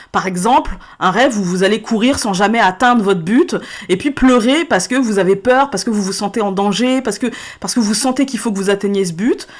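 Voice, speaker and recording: A woman chatting frankly to camera as a card-reading vlogger, with plenty of fillers and frequent laughs, filmed indoors under spotlights. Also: medium pitch. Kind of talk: casual chat to camera. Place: indoor set lit by several spotlights.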